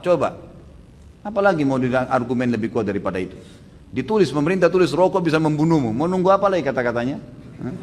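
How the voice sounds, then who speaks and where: A male preacher answers audience questions at a brisk clip, pressing his points with emphatic bursts. His voice carries a long hall reverb over a faint murmur of ambience. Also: on the high side, slight background noise. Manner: animated, emphatic, rising to forceful exclamations. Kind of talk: Islamic Q&A lecture.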